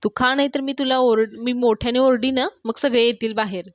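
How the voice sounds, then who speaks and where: A woman's voice: on the high side, fairly even intonation, brisk, no room sound, highs cut off, natural voice. A woman reading the lines of a stubborn young woman in love, insistent and teasing.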